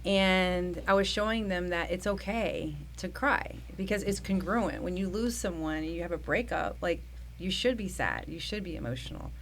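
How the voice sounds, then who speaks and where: Earnest woman psychologist, lowish voice. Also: a little hiss or hum. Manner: earnest, talks fast with restarts. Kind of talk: conversational interview.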